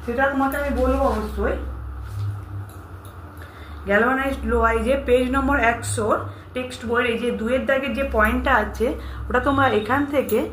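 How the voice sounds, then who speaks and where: A woman's voice: sits high, a little fast, pauses often. A woman teacher, reading exam questions and their answers aloud and steadily telling students what to learn. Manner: steady, instructive, addresses students directly. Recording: echoey room with faint hiss.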